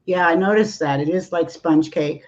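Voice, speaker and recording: A woman co-hosting a home baking live stream chats in a relaxed, easygoing way. Her voice comes through a dull, lo-fi remote connection. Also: lowish voice, normal speed. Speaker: baking show co-host. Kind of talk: casual live-stream chat.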